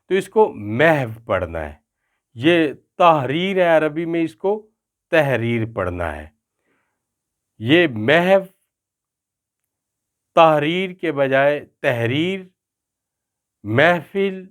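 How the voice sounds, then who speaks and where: Speaking in a fairly high pitch, an older man with a Pakistani Urdu accent runs a spoken pronunciation lesson. He slows down so every word comes out carefully.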